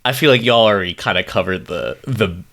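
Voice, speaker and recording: A man's voice: fairly low pitch, fairly quick, vocal fry, pushed and bright. A man in his thirties co-hosting a music podcast, playful and laughing through his sentences. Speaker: podcast co-host. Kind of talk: casual chat.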